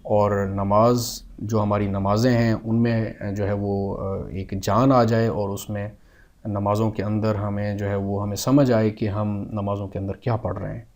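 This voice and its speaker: Low, mellow-voiced man teaching Arabic slowly. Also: little pitch movement. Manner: slow drawn-out Arabic words with Urdu glosses; frequent "aa" fillers, mixes in English words. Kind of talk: beginner language lesson.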